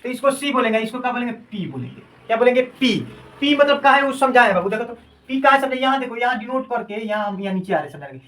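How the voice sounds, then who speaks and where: High-voiced teacher, fast. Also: male voice, lively intonation, pushed and bright, recorded from a distance, low-quality recording. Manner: repeats each term as a question and answers it; calls students "babu". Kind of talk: classroom science lesson.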